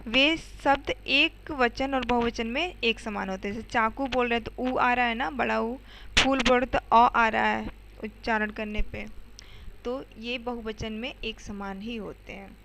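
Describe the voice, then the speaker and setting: A woman's voice: a little high, fairly bright tone, a little hiss or hum, low-quality recording. A woman teacher explaining grammar to schoolchildren step by step, often checking in with "okay" and asking the students questions. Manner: addresses students directly with questions.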